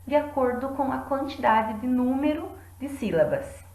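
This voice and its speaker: A woman teacher giving a lesson in a clear, deliberate way, clapping out syllables. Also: sits high, animated, a little mellow, roomy sound, low-quality recording. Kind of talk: classroom lesson.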